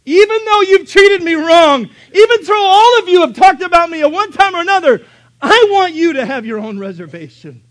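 A man voicing a tearful woman in a sermon, pleading in a high, strained voice. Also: quick pace, hardly any pauses, darkish tone, slightly rough.

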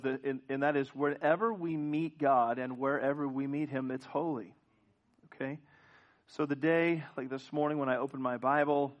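Man preaching a conversational sermon. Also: medium pitch. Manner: conversational preaching, asks the congregation questions; frequent restarts and repeated words. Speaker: pastor. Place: church sanctuary with congregation. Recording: dull lo-fi church recording.

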